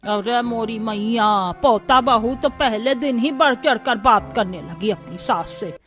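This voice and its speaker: A woman voicing a proud, sharp-tongued old grandmother in an animated family story, speaking in a folksy, exclaiming way. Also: a little high, a little slow, soft background music. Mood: indignant.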